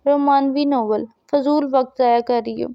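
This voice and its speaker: A woman's voice: high voice, fairly even intonation, clean tone, no room sound, dull audio. A woman reading the part of a stern, cold male boss who speaks in curt commands.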